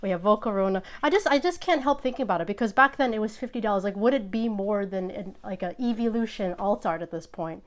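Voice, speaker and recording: A woman talks casually as she hosts an unboxing, her voice sitting at an ordinary middle pitch. She is chatty and excitable, and now and then she stumbles over her words in her eagerness. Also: quick pace, few pauses. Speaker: host opening trading card packs.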